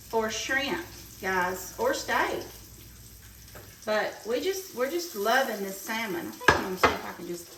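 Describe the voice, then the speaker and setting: A fairly high-voiced woman talks her viewers through a recipe in a chatty, homey way. She sounds a little away from the mic in a roomy kitchen, with frying and sizzling clearly heard behind her. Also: far from the mic, noisy background. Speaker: cooking show host. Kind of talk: casual cooking demonstration. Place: home kitchen. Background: frying and sizzling pan.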